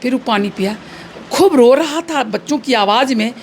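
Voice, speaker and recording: Woman, fifties, high voice, animated storyteller, acts out dialogue, faint noise. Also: moderate pace. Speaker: fraud victim. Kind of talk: emotional retelling.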